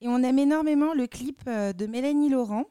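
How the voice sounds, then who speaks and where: Mellow-voiced woman culture columnist. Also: high voice, a little fast, smooth. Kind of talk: casual live radio chat.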